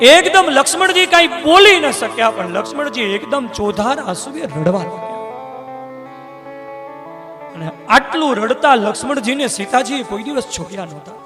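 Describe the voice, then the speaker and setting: A man's voice: extremely high pitch, expressive, normal speed. A man reciting scripture as a devotional storyteller at a live religious gathering, telling the tale emotively with dramatic, rising declamation. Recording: reverberant hall, faint guitar behind.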